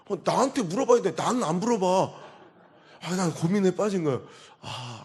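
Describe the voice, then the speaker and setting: Man, pastor, revival sermon, forties, slightly high voice, storytelling, loud outbursts and quiet asides. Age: 40s.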